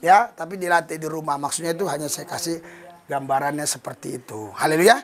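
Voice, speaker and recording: A male pastor preaching a lively sermon to a church congregation, often laughing and slipping into playful voices to act out prayers. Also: fairly high pitch, fairly quick.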